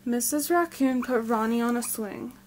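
A woman reads a children's storybook aloud, narrating in a gentle, expressive way. Her voice sits a little high, and the delivery stays soft and clear for young listeners. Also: normal speed, slight background noise, low-quality recording. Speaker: storybook reader.

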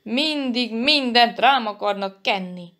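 A woman voicing a curious, touchy bat chick who speaks in a quick, peevish way. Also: a little high, fairly bright tone, lightly acted.

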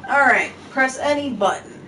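A woman's voice: high-pitched, lively intonation, normal speed, pushed and bright, slight background noise. A woman streaming a video game with a friend, talking casually and swearing offhandedly. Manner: laid-back, swears casually. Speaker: gaming streamer. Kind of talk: casual chat while gaming. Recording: distant mic, faint background music.

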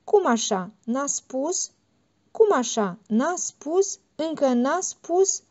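A woman's voice: high voice, very animated, a little mellow, pitched above the performer's own voice. A woman reading the part of a stern, grieving elderly mother who presses with repeated questions, on a dull lo-fi recording. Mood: insistent.

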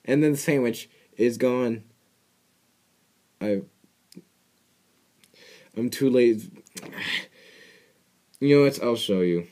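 This young man's medium-pitched, mellow voice moves slowly and pauses often as he gives casual commentary on a cartoon. He's in a small bedroom on an earbud headset mic, rambling, joking, mumbling asides, and swearing.

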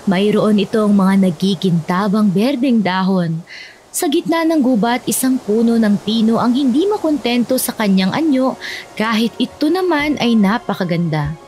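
A woman's voice: medium pitch, animated, moderate pace, darkish tone, slight background noise. A woman narrating a scripted children's fairy tale as a storyteller.

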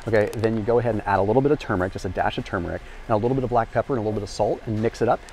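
A man's voice: lowish voice, racing, darkish tone, a little hiss or hum. A man in his thirties talking energetically to camera as he walks a warehouse store aisle, explaining nutrition with a lapel mic. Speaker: health and nutrition vlogger. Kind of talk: educational grocery walk-through. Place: large indoor warehouse store. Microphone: small lapel mic.

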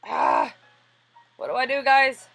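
Animated woman playing a game. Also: high-pitched, slow, creaky, faint music behind, low-quality recording. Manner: animated, reads game text aloud. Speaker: gamer. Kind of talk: let's play commentary.

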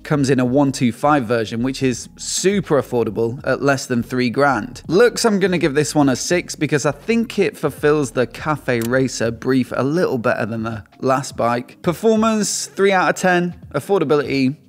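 A man with a medium-pitched voice speaks at normal speed with few pauses, hosting a motorcycle channel from a small indoor studio lined with shelves. He delivers an upbeat scripted bike review and sponsor read into a desk mic on a stand in front of him, scoring things in a lively way.

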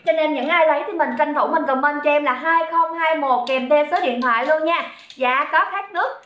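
A woman's voice: sits high, moderate pace, reverberant, highs cut off. A woman running a live-stream sale, chatty and calling out viewers by name. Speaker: livestream seller. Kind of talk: live-stream sales chat.

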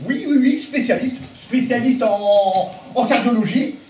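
A man's voice: very high-pitched, measured pace, a little mellow, slight background noise. A man playing a pompous fake doctor. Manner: pompous and self-important. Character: boastful man faking a pompous doctor on the phone. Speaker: actor in the play. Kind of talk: amateur stage play. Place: theatre stage. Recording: echoey hall from far off.

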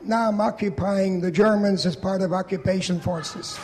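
A man's voice: high voice, fairly even intonation, normal speed, heavy background noise. A man in his eighties from Poland giving a public speech in a large event hall, telling his story plainly with dry humor. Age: 80s. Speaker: Holocaust survivor and veteran speaker.

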